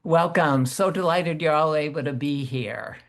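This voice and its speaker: A man hosting an interview over a video call, with a formal, measured, welcoming delivery. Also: on the high side. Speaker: host.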